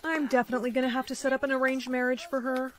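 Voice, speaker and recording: A woman's voice: high-pitched, little pitch movement, very fast, a little hiss or hum, close to an everyday voice. A young woman playing earnest fairy-tale royal court characters in a short social-media skit.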